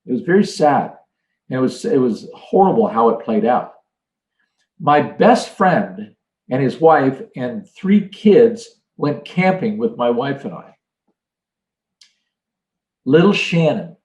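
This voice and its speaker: A man's voice: medium pitch, big pitch swings, takes it slowly, pauses often, a little mellow, roomy sound, poor audio. An older man giving an earnest leadership talk, telling stories and acting out quotes. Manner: earnest, storytelling with acted quotes. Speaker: leadership trainer. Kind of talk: motivational talk.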